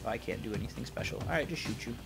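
A man's voice: medium pitch, lively intonation, rapid-fire, vocal fry. A man giving casual, foul-mouthed and sarcastic let's play commentary as host. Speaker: gaming video host. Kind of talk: casual let's play commentary, reading game text aloud. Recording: game music behind the voice. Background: video game music.

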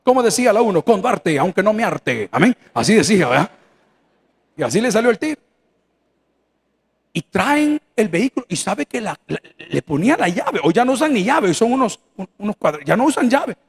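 A pastor preaches in a church sanctuary with a high-pitched, sing-song voice that's brisk and has a breathy edge. He speaks with a Salvadoran accent, keeps things folksy and joking, and acts out quoted voices.

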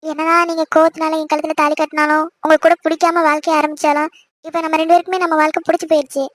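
A woman's voice: high-pitched, level tone, racing, no room sound, close to an everyday voice. A woman voicing a shy, playful young newlywed wife who speaks coyly and affectionately. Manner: coy, affectionate, sweetly protesting. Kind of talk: cartoon voice acting.

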